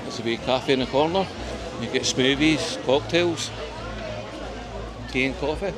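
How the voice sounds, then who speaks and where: Strolling a crowded seaside promenade for a walking-tour vlog, a broad-accented Scottish man talks a little slowly in a mid-range voice, rambling casually and scattering ums, wee and aye throughout. Festival music and the chatter of the crowd fill the noisy background.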